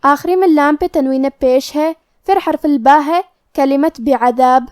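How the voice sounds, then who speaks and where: A woman teaching Quran recitation rules, explaining each letter and rule calmly and step by step. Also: sits high, no echo, clean studio sound. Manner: calm, methodical step-by-step explanation. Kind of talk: explaining tajweed rules in Urdu.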